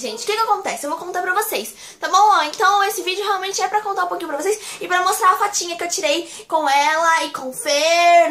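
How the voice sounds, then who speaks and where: A young woman from Brazil with a Brazilian Portuguese accent, chatting to camera as a vlogger in a gushing, excitable way, repeating words for emphasis. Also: high-pitched, echoey room. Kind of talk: casual chat to camera.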